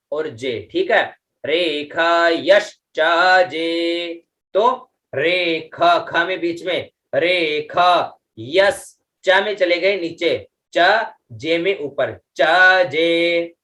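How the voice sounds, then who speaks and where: Middle-aged male teacher, slightly high, bright voice, slow deliberate chanting delivery, patient with repeated checks. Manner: slow, drawn-out chanting of mantra syllables with pitch-accent explanations; patient, repeats "ठीक है" and "है ना" often. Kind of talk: online class lesson.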